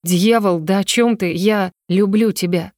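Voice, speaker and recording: A woman's voice: mid-range voice, unhurried, darkish tone, no room sound, clean studio sound, close to an everyday voice. A woman voicing a tormented young elf man. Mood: desperate.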